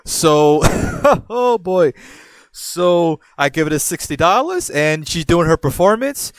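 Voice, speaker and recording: With a somewhat high male voice and an unhurried pace, this young Puerto Rican podcaster casually tells a meandering story, breaking into quoted voices. He's lively, rambles, and keeps restarting, and the recording is dry.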